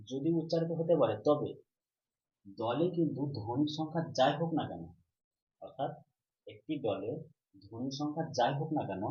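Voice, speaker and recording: Man teaching a grammar lesson. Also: mid-range voice. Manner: repetitive question-and-answer teaching, drawn-out syllables. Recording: roomy, slightly dull recording.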